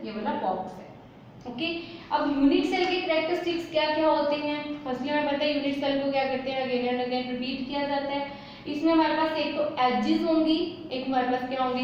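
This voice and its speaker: Woman teacher, high voice, asks and answers her own questions, echoey room, slightly muffled recording. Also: slight background noise. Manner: asks rhetorical questions and answers them herself, repetitive; mixes English terms into Hindi explanation. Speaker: chemistry teacher. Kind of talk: whiteboard lesson.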